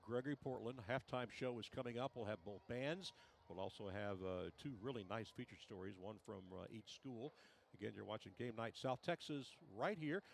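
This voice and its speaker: A male play-by-play announcer hosting a live football broadcast. His voice is medium in pitch, with faint outdoor stadium noise behind it. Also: fairly quick, vocal fry.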